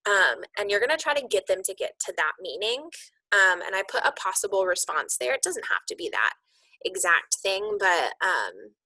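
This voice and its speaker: Here a woman coaches colleagues through lesson plans in a relaxed, instructional walkthrough. Her fairly low voice sounds bright, forceful and slightly rough, and the poor-quality audio carries no room sound.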